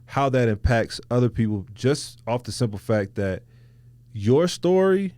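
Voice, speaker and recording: A man's voice: medium pitch, sing-song, measured pace, a little mellow, no room sound. A man hosting a podcast, talking reflectively in loose, slangy, casual conversation. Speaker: podcast host.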